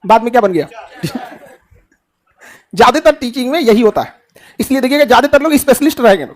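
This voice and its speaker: A man's voice: very high voice, animated, a little fast. A middle-aged man with a Bihari Hindi accent giving a motivational speech to students, asking rhetorical questions and answering them himself, joking in a colloquial way.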